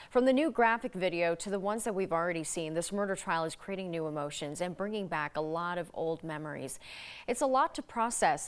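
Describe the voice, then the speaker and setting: A woman news anchor reading stories and introducing a guest in a clear, measured way. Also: fairly low pitch.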